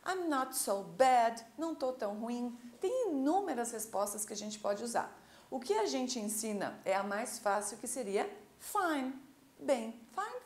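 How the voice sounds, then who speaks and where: A Brazilian woman with a Brazilian Portuguese accent teaches a beginner English lesson. Her voice sits a little high and swings widely, and she draws out each phrase when modeling it. It is recorded in an echoey room. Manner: lively, drawn-out model pronunciation with teacherly check-ins. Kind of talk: online classroom lesson.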